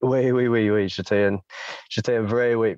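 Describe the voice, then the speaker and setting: A man's voice: lowish voice, fairly even intonation, normal speed, darkish tone, no echo, lo-fi sound. A man from Australia with an Australian accent, speaking French as a second language, hesitant and searching for words as an interview guest. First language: English. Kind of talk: casual interview chat.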